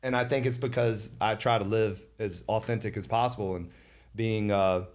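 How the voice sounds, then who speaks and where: Male podcast host, lowish voice, casual and emphatic. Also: fairly even intonation, normal speed, darkish tone. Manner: emphatic, repeats words for stress.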